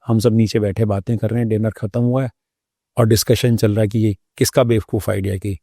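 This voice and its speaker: Reflective man with a mellow voice. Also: lowish voice, level tone, no room sound, studio quality. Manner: reflective storytelling with pauses and hesitations. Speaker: guest; doctor. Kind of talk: personal story in an interview.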